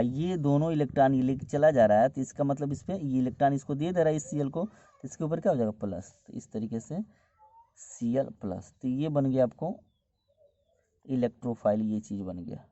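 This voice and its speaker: Dark-voiced man teaching chemistry. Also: medium pitch, dry recording. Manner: explains step by step, repeating key terms. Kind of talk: whiteboard lesson explanation. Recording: dull, dry lo-fi recording.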